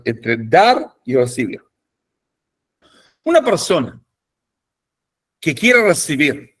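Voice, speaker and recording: A man teaching a rabbinic class over a video call, speaking informally with jokes and often checking in with "ok?". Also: fairly high pitch. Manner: animated, asks "ok?" to check understanding. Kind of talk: informal lecture with humor. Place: home or office in Jerusalem.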